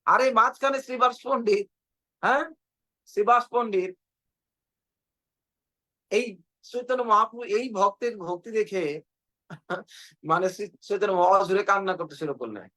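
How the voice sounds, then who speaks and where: A man's voice: high voice, moderate pace, long pauses, pushed and bright, rough recording. A man giving a fervent devotional sermon on a video call, retelling stories with repetition and acted quotes. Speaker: preacher.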